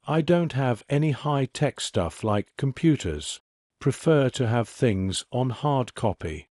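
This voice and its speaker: A man's voice: medium pitch, lively intonation, slow, a little mellow, no room sound, clean studio sound. Man reading as a teasing young woman.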